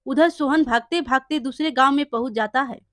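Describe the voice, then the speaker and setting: Brief: woman storyteller, high voice, plain simple narration, dry sound. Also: brisk, no room sound. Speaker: storyteller, channel host.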